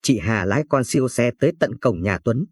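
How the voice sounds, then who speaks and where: A man narrating a spoken story with an even, steady reading. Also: mid-range voice, fairly quick, slightly rough, dry recording, studio quality. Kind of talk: read-aloud story narration.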